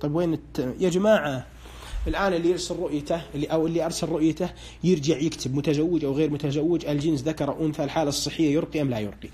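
A man's voice: a little high, fairly even intonation, racing, mellow, breathy edge. A man on a live broadcast, interpreting dreams and asking callers short questions, with a pious, hedging way of speaking. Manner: hedging with religious phrases.

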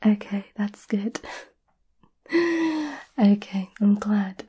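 A woman doing a whispered role-play as a gentle, caring witch, soothing and a little hesitant, close to the microphone. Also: medium pitch, monotone, extremely slow. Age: 20s. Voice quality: breathy whisper. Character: gentle, caring centuries-old witch offering potions. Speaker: ASMR performer. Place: small candlelit indoor room.

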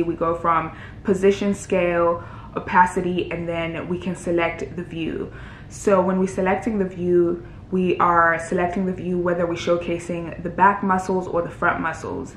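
Young woman chatting thru her editing steps, lowish voice, roomy sound with a faint rumble. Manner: relaxed and chatty, thinks aloud while clicking through settings. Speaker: fitness creator showing her editing workflow. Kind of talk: casual screen-recorded tutorial. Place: indoor room, voice-over on a screen recording.

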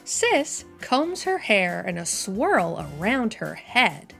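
A young adult woman with a medium-pitched voice and vocal fry reads a picture book aloud to young children, faint music playing behind her. As a storytime host, her delivery is expressive, animated, and deliberate.

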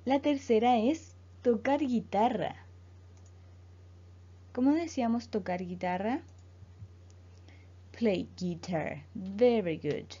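A woman from Chile, an English teacher speaking slowly and clearly as she leads a school lesson. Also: fairly high pitch, mellow. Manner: slow, clear teacher delivery, repeating words for students. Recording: dull lo-fi voice recording.

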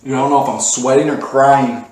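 A man's voice: mid-range voice, steady tone, a little fast, a little mellow. A young man in a casual reaction vlog, gasping and exclaiming with his mouth burning from spicy food and his eyes watering in pain. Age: young adult. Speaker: challenge video host. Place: small room at a dining table, indoors. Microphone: camera across the table. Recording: echoey room with background noise.

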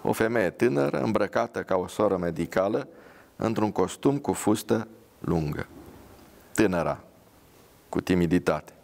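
A man reading his drama aloud and reflecting in a measured way, pausing often. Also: fairly low pitch, animated, creaky, darkish tone. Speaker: writer reading his work.

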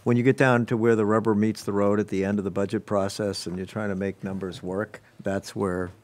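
A man with a fairly low voice explains town budget lines at a board meeting, walking through each item step by step. He speaks into a table microphone in a municipal meeting room. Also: level tone, brisk.

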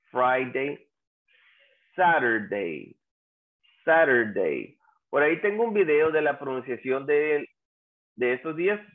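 A man's voice: mid-range voice, phone-quality sound. A man teaching a language class who patiently repeats example phrases and keeps asking his students questions. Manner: asks the class questions and prompts them to answer. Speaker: English teacher.

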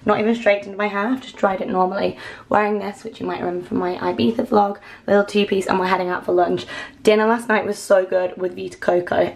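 A woman in her twenties chatting excitedly to a handheld camera at home, vlogging her week. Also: mid-range voice, vocal fry. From England. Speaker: lifestyle vlogger. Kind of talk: casual vlog chat to camera. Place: home kitchen and bathroom, indoors. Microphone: handheld camera at arm's length.

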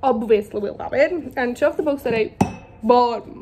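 A young adult woman from Georgia, a native Georgian speaker and book vlogger, chats casually in English about her books, giggling and poking fun at herself. Her voice is on the high side and moves at a normal speed. The recording is muffled, with background noise.

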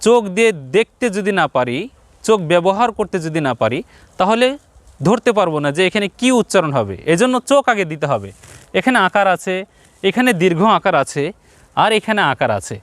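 A man teaching Quran reading on a TV lesson, addressing viewers directly, repeating points and drawing out syllables slowly. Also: high voice, sing-song, fairly bright tone, dry recording. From Bangladesh.

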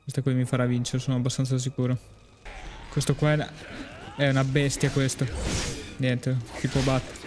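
A man giving live gameplay commentary, excitable, with frequent exclamations and cursing at the game. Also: mid-range voice, fairly quick, pauses often, over music. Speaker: gaming video creator. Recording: steady background noise.

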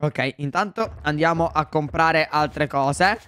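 A young man commenting on a video game for his viewers, excitable and full of exclamations. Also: on the high side, slow pace, smooth. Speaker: gaming YouTuber. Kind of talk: Let's Play commentary.

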